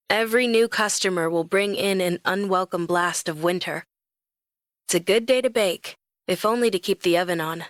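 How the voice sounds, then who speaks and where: Brief: young woman, romance audiobook narrator, lively and expressive, close dry read. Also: medium pitch, no room sound.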